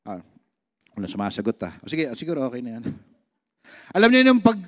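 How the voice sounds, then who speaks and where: A little fast and mid-range in pitch, a male pastor with a Filipino accent delivers a sermon built around a personal story. He tells it with animation, alternating between Tagalog and English.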